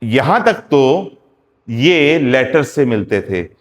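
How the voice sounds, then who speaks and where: Slow, careful teacher in an echoey classroom. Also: male voice, mid-range voice, big pitch swings. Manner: slow, careful spelling out of sounds, repeating examples. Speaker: phonetics teacher. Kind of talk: classroom lecture. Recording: echoey classroom with long reverb.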